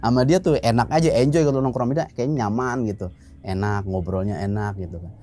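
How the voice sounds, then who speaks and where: A man telling a ghost story in a chatty, excitable way, full of little fillers. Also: lowish voice, brisk, soft background music. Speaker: guest storyteller. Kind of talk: casual spoken ghost story.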